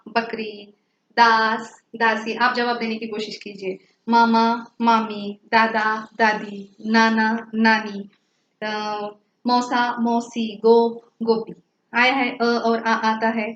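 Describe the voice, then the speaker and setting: A woman's voice: high voice, a bit bright. A woman teaching a Hindi grammar lesson, patiently repeating each word and often checking that her students understand. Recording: roomy, dull lo-fi with faint hiss.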